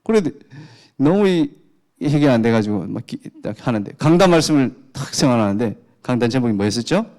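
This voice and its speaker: A man's voice: medium pitch, sing-song, a little fast, darkish tone. A man preaching a sermon as pastor. He fires off rhetorical questions with emphatic rises and drops in chatty asides about his home life.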